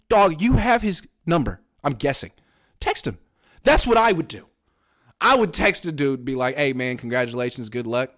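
A man in his thirties co-hosting a casual sports talk show, emphatic and wry, often slipping into mock quotes. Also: fairly high pitch. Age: 30s. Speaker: podcast co-host.

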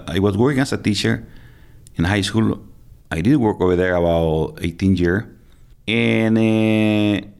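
A man in his fifties from El Salvador with a Salvadoran Spanish accent, a native Spanish speaker, speaking haltingly and searching for words with many fillers and restarts in a personal interview. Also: low-pitched, clear, resonant tone. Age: 50s. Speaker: interview guest.

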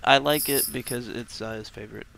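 A man's voice: medium pitch, steady tone, fairly quick, creaky, pushed and bright, slight background noise. A young man joining a podcast over a voice call, joking and playful. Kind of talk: casual chat.

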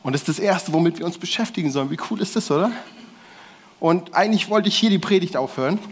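A man delivers a casual sermon in a church hall, his voice sitting fairly high. He talks in relaxed slang, often restarting and correcting himself mid-sentence. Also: fast, a little hiss or hum. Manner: colloquial slangy preaching, restarts and self-corrections. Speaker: preacher.

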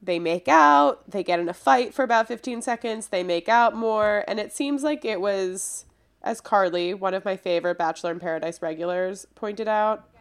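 A woman with a congested, nasal voice, as if fighting a head cold, co-hosts a casual podcast. Her pitch is average for a woman, and she talks in loose, slangy, conversational phrases. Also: normal speed, clean tone. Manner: informal, hedging, slangy. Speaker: podcast co-host. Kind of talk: casual pop culture chat.

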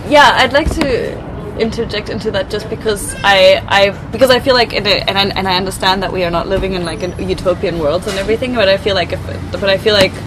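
A woman's voice: medium pitch, fast, noisy background. A woman from Brazil in a casual chat, speaking hesitantly with many fillers and restarts.

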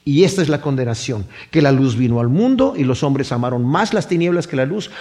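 Un hombre que predica un sermón con tono expresivo y narrativo. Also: male voice, on the high side. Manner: expressive, storytelling preacher. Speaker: preacher. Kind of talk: sermon.

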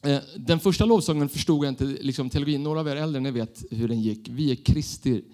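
A man in his thirties preaching a sermon, telling self-mocking stories in an animated way. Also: mid-range voice.

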